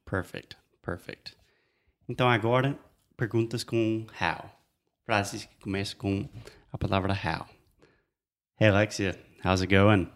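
A man's voice: on the low side, fairly even intonation, slow pace, pauses often. A man whose first language is English, co-hosting an English lesson and modeling phrases patiently, often repeating "perfect". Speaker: English teacher, co-host. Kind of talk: bilingual lesson chat.

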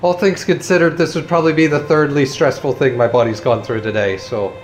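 A man's voice: mid-range voice, fairly even intonation, brisk, a little hiss or hum. A man playing a tabletop game, laid-back and joking, swearing casually as he says what his character does. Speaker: player. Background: background music.

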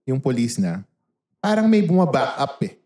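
A man's voice: medium pitch, big pitch swings, normal speed, dark tone. A man in casual conversation, asking questions and recalling shared memories. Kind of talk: casual chat. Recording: roomy echo.

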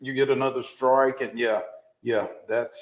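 A man's voice: medium pitch, steady tone, normal speed. A man co-hosting a casual sports show, adding brief, dry remarks. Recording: roomy, dull lo-fi sound.

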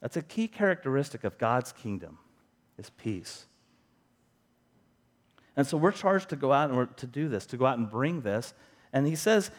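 A middle-aged man preaching a sermon as a pastor, talking in a conversational way and often asking the congregation rhetorical questions. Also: medium pitch.

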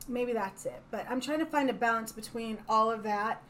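A woman co-hosting a podcast chats in a wry, giggle-prone way. Her voice is a bit higher than most, with a faint ambient hum behind her. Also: moderate pace, fairly bright tone. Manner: wry, easily breaks into laughter. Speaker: podcast co-host. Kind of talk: casual chat.

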